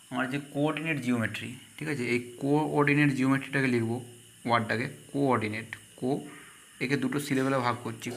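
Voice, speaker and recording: A man's voice: medium pitch, vocal fry, a bit bright, slight background noise. A man teaching a math lesson, asking questions and answering them himself.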